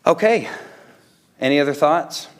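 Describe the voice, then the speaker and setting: A man chairs a public meeting informally from a dais microphone in an indoor council chamber, conversational and accommodating. His voice is a little high and lively in intonation, his pace a little slow.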